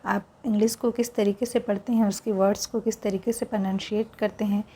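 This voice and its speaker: A woman teaching an English reading lesson, reading each word slowly aloud and explaining how to pronounce it. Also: medium pitch, level tone, mellow, slightly rough. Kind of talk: slow classroom read-aloud lesson.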